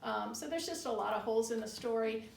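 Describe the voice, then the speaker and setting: A woman's voice: a little high, brisk, gravelly, darkish tone. A woman working as a tour guide, telling local legends informally in a conversational, skeptical, matter-of-fact way. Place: indoor room of an old bar building. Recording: roomy echo, distant mic, faint noise.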